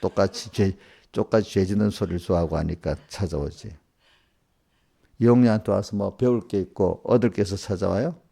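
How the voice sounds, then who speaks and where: Pastor guy scolding his flock w lots of questions, gravelly dark voice. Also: deep voice, a little fast. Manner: scolding, asks one rhetorical question after another. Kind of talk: small-group sermon addressing congregants directly.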